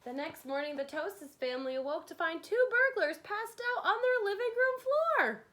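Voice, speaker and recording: Reading to young children fairly quickly, a woman with a very high voice brings a picture book to life. She's dramatic and expressive like a kindergarten teacher, adding playful asides.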